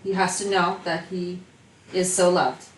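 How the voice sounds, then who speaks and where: A woman guest on a podcast, chatting casually with teasing, deadpan jokes. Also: lowish voice, unhurried, roomy sound, far from the mic, a little hiss or hum, low-quality recording. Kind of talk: casual chat.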